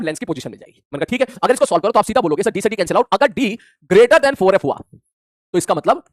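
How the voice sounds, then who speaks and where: Man, physics teacher, rapid, very animated pitch. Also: no echo, studio quality. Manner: animated, plays out imagined student replies. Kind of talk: classroom lecture.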